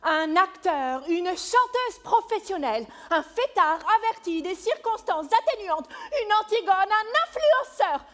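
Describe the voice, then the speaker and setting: A woman playing a teasing, seductive female spirit of chance, a wheel that begs to be spun, in a theatrical stage monologue that swings between loud calls and hushed asides. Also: extremely high pitch, sing-song, unhurried, hardly any pauses, full character voice. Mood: teasing, mysterious.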